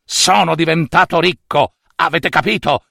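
A man voicing a greedy king who stammers with excitement and boasts about his gold. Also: fairly high pitch, moderate pace, vocal fry, no echo, studio quality, full character voice. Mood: gloating. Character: greedy overjoyed king, old-world ruler.

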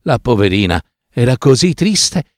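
Male storybook narrator, expressive and lingering, dry studio sound. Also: medium pitch, moderate pace, no echo. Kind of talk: storybook reading.

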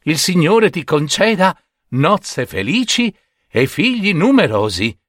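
A man's voice: a little high, big pitch swings, slow, fairly bright tone, dry recording, studio quality, voice pushed up, full character voice. A man voicing a foolish, naive young peasant who greets people in an eager, sing-song way.

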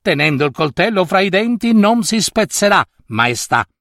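Storybook wise old woman, firm and measured, man putting her on, lively pitch. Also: dry recording, clean studio sound, exaggerated voice. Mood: instructing. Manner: firm, slow, instructing.

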